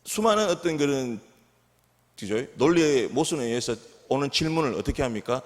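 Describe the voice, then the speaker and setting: A middle-aged male pastor preaches in a church sanctuary, his voice rising and falling with lively swings in pitch. He keeps asking the congregation questions, and his words ring out with a long reverb through the hall. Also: brisk. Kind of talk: sermon.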